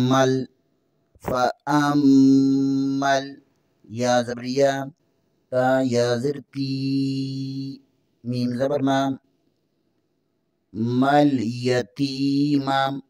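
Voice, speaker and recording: Slow, even-toned man teaching recitation. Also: medium pitch, clear, resonant tone, dry recording. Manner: slow drawn-out recitation between brisk explanations. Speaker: Quran tajweed teacher. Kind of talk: spelling out and reciting verses letter by letter.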